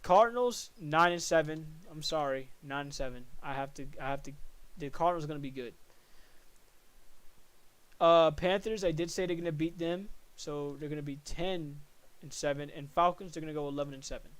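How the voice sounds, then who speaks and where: A young man with a fairly high voice talks casually through a solo podcast. He rambles, thinks aloud and keeps correcting himself as he runs through football predictions. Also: fairly quick, clear, resonant tone. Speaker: podcast host.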